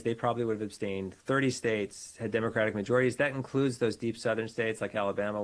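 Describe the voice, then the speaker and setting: A man, a political science professor, giving a measured, analytical explanation as a guest over a video call. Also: on the low side. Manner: measured, analytical, with frequent restarts. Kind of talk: explanatory interview talk.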